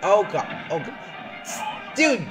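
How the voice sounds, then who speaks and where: An excitable let's-play commentator whose pitch jumps all over the place as they cheer on a computer fighter. Bursts of hype break up the running play-by-play. Loud game music plays under the voice. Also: takes it slowly, crowd noise. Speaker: gameplay commentator.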